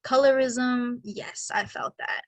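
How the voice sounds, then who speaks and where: A Mexican American woman in her twenties co-hosts a podcast, speaking slowly in a fairly high voice with fairly even intonation. Her casual conversation is reflective and meandering, packed with fillers.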